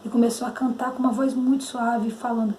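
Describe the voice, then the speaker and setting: Her voice slightly fast, fairly high, and mellow, with little pitch movement, a Brazilian woman haltingly recounts her personal faith story and sings a few hymn lines. She has a Brazilian Portuguese accent, and the recording is echoey with faint noise.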